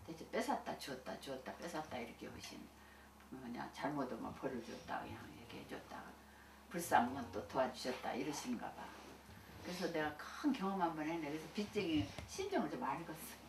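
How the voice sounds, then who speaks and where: Older woman chatting in an echoey room. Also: sits low. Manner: folksy and chatty, laughs often, many restarts. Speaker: senior Won Buddhist minister. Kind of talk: recounting life experiences to listeners. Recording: echoey room, distant mic, faint hiss.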